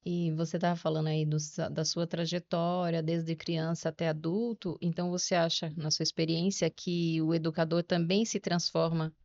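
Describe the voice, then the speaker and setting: A woman hosting a podcast interview, asking questions in a calm, measured way. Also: sits low, no room sound. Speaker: podcast host. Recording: dry, slightly dull sound.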